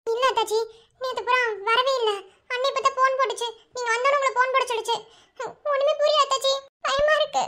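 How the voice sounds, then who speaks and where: A frightened young village woman, tearful and pleading, as a woman voices her. She has a Madurai accent and a very high, piercing cartoon voice. She sounds bright and thin. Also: fairly even intonation, fast. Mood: worried. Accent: Madurai Tamil. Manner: sobbing, pleading. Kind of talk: cartoon voice acting.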